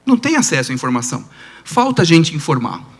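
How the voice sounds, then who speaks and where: A man with a Brazilian Portuguese accent, a pediatrician giving a conference lecture, telling animated stories and asking the audience rhetorical questions. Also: fairly high pitch, quick pace, vocal fry, breathy edge.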